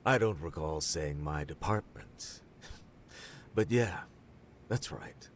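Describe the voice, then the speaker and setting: An actor playing a senior security police official in a video game, politely smug with veiled menace. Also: male voice, a bass voice, animated, slow pace, creaky, a little hiss or hum, heavily acted. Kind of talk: dubbed video game drama acting. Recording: music behind the voice.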